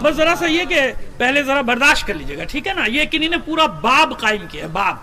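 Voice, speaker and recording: A man with a Pakistani Urdu accent giving a sermon and reading hadith, asking his listeners rhetorical questions and chanting the Arabic slowly. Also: very high-pitched, very animated, noisy background. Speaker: Shia cleric.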